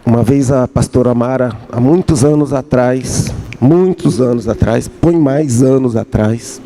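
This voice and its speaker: Slow, deep-toned man preaching. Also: mellow, a little hiss or hum. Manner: slow, repeats key phrases, acts out dialogue with his wife. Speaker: pastor. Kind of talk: sermon.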